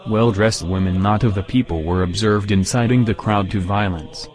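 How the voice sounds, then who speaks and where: Male narrator for history reading, low pitch, measured delivery over soft music.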